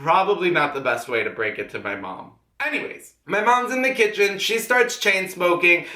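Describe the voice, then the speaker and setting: Young american guy telling his story on camera, chatty, bright kinda high voice, echoey room. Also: expressive, normal speed. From United States. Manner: candid, chatty, acts out quotes. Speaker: vlogger. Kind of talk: personal storytelling vlog.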